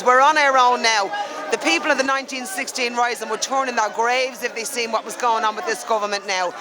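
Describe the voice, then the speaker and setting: An Irish-accented woman speaking emphatically as a protester, repeating phrases for force. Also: on the high side. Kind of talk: impassioned protest vox pop. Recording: noisy outdoor street with crowd.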